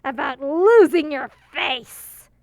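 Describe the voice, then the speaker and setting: A woman's voice: high voice, lively intonation, takes it slowly, a little mellow, dull audio. Woman voicing a tough, menacing teenage girl bully. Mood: menacing, mocking. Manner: taunting, curt, threatening. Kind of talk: video game character voice acting.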